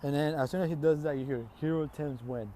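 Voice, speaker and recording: A man's voice: fairly high pitch, brisk, warm tone, slight background noise. A man casually telling an improvised fan story, rambling and profane with many fillers.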